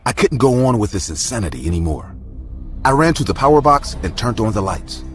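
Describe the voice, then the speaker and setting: Lively low-voiced man narrating horror. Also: a little fast. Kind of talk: scripted horror story narration. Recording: narration over loud music.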